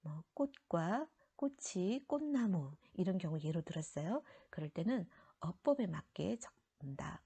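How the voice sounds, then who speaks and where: During a recorded grammar class for middle school, a woman explains the rules step by step, with the ends of some phrases dropping almost to a whisper. Her fairly low voice has a dark tone and a slight roughness.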